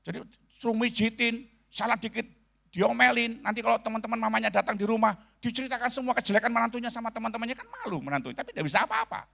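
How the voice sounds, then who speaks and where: Animated, gravelly-voiced preacher man. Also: very high-pitched, rapid-fire. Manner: animated, joking, addressing the congregation. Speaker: pastor. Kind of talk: sermon with storytelling. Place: church.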